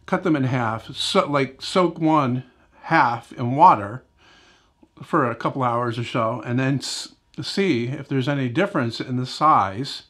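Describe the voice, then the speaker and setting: With a mid-range, fairly bright voice, this middle-aged man hosts a woodworking channel from his home shop indoors. He talks casually through a demo, wandering off track, correcting himself and tossing in "right?" and "you know" a lot.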